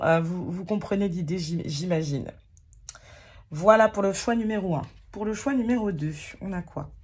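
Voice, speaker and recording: A woman with a fairly low, breathy voice gives a casual tarot reading to her viewers. She talks hesitantly, full of fillers and restarts, and pokes fun at herself as she goes. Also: darkish tone. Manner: hesitant, many fillers and restarts, self-deprecating. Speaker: tarot card reader.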